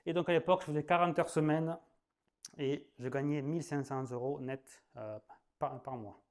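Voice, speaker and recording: He's a sales trainer in his 30s from southwest France, a Southern French man leading a casual spoken masterclass. His voice sits a little high, with a steady tone at normal speed. He's chatty and loose, packs his speech with fillers, and laughs at himself.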